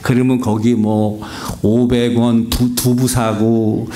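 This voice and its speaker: A middle-aged male pastor delivering a sermon as a humorous, animated personal story, often breaking into laughter. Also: medium pitch, takes it slowly. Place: church sanctuary. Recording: roomy church reverb.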